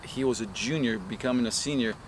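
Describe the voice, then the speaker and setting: A man's voice: mid-range voice, fairly quick. A man from Brazil, a soccer coach, talking casually in an interview and rambling with many restarts. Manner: rambling, many restarts and "you know" fillers. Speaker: head women's soccer coach. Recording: outdoor recording with loud traffic noise.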